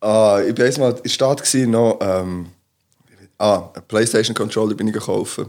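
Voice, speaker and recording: A man's voice: fairly low pitch, fairly even intonation, brisk, a little mellow. A man with a Swiss German accent, chatting casually as a podcast co-host and rambling through stories with many fillers. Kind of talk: casual chat.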